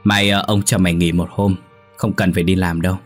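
A man's voice: deep voice, little pitch movement, a little fast, faint music behind. A man voicing a domineering, drunken old village chief who speaks with a slurred drawl. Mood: gruff drawl.

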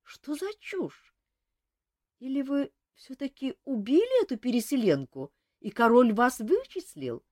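A woman voicing a bold, inquisitive court lady who asks insistent questions in a high voice. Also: very animated, unhurried, darkish tone, no echo, clean studio sound, heavily acted.

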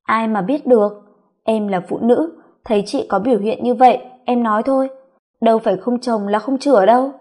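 A woman's voice: a little high, brisk, a little mellow, close to an everyday voice. A woman voicing a chatty, nosy young female coworker who teases and pries. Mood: teasing. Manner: teasing, prying.

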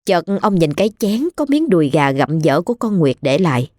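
A woman's voice: low-pitched, sing-song, brisk, warm tone, dry recording, clean studio sound. A woman, steadily narrating a ghost story.

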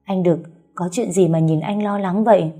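An anxious, polite young wife in an audiobook, soft and deferential, read by a woman narrator. Her voice is low, husky and mellow. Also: normal speed, faint music behind.

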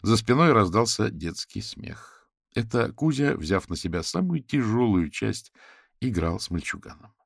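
A man narrating a novel as an audiobook, in steady storytelling. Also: fairly low pitch, a little slow, creaky, husky, dry recording, clean studio sound. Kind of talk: scripted narration.

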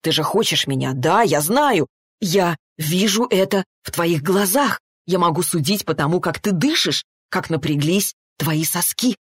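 Woman narrator doing a passionate young man in a romance read-aloud, low, slow and coaxing. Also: no room sound, studio quality, natural voice. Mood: urging.

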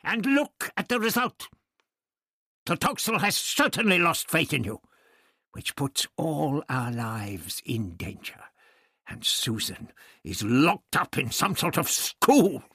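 A man performs an irascible, authoritative older doctor in an audiobook story, gruff but kindly, pitching his medium voice above his natural one in a heavily acted, angry, scolding delivery. He speaks slowly with big pitch swings, a breathy edge, and emphatic, old-fashioned phrasing. The studio-quality recording has no room sound.

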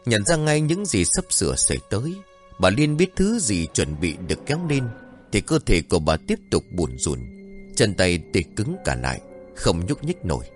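A man's voice: fairly low pitch, wildly swooping pitch, normal speed, faint music behind. A man narrating a scripted horror story in a dramatic, suspenseful way.

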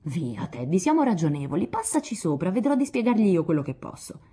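Spirited coaxing young woman, read by a woman; husky timbre. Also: lowish voice, a little fast. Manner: coaxing, lively.

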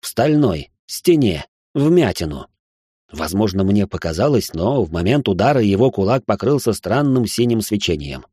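A man's voice: fairly low pitch, sing-song, moderate pace, warm tone, breathy edge, no echo, clean studio sound. A man narrating a first-person fantasy audiobook in a wry, sardonic manner.

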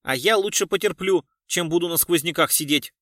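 A man voicing a touchy, pompous male cultural worker who complains loudly and haughtily. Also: on the low side, a little slow, no room sound, clean studio sound, pitched below the performer's own voice. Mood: haughty.

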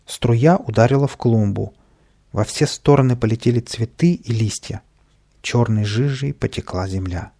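Children's audiobook reader, male, mid pitch, gravelly. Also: normal speed. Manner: lively storytelling, plays all the voices. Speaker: audiobook narrator.

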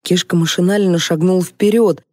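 Woman narrating a comic audiobook, dark tone. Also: on the low side, normal speed, no room sound, clean studio sound. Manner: lively, ironic storytelling. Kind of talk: first-person audiobook narration.

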